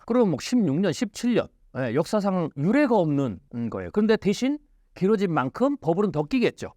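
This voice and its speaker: A man's voice: sits high, a little mellow, no echo, studio quality. A man as an interview guest, explaining in an emphatic way with rhetorical questions. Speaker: futurist guest.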